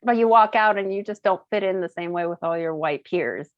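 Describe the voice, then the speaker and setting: A chatty woman in her thirties from Colorado in the United States, whose first language is Cantonese, speaks briskly in a low voice. She's an entrepreneur guesting on a casual chat, telling stories with many fillers and easy laughter, on a dry recording with the highs cut off.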